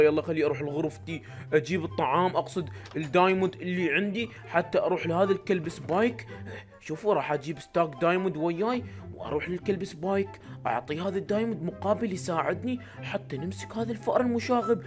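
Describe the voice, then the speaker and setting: A man's voice: fairly high pitch, fast talker, soft background music. A man with an Iraqi accent narrating a Minecraft machinima to his viewers in a playful, direct way. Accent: Iraqi Arabic. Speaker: YouTuber narrating as the cat.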